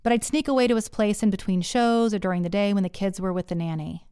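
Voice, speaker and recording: A woman's voice: mid-range voice, fairly even intonation, fast, warm tone, clean tone, no echo, studio quality. A woman telling a first-person story in a candid, profane way, acting out the voices she quotes.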